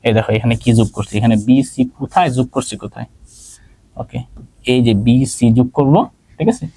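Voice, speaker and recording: A man's voice: mid-range voice, steady tone, a little fast, creaky, warm tone, no room sound. A male math teacher with a Bangladeshi Bengali accent, leading an online geometry class and checking in with students by name. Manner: checks in constantly with "ঠিক আছে?", asks and answers own questions.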